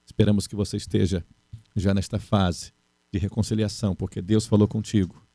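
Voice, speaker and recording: A man's voice: fairly low pitch, level tone, fairly quick, warm tone, dry recording. A middle-aged man preaching a sermon, earnest and repeating his key phrases. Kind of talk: sermon on marriage.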